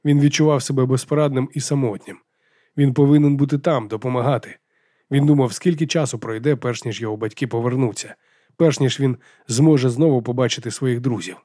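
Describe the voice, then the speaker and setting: Brief: male audiobook narrator, mid-pitched, steady and measured, dry close recording. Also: no room sound. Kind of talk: scripted narration.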